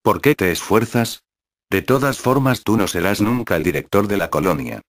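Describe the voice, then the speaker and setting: Man voicing a defiant teenage thief, curt and stubborn, deep low voice, dry close sound, audiobook reading. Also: lively intonation, normal speed, no room sound. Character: defiant teenage boy, young thief in a colony.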